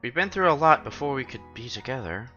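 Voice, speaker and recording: Over soft game music, a fast-talking man with a mid-range voice reads a visual novel aloud on stream, dramatically performing the lines and tossing in casual remarks. He's animated, voicing the protagonist himself, though the recording is muffled.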